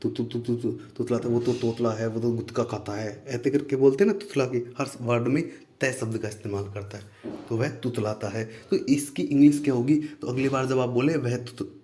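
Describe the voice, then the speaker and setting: A man teaching spoken English, repeating each phrase slowly and breaking it down word by word in a friendly, chatty way. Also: medium pitch, warm tone. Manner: friendly, addresses viewers as friends.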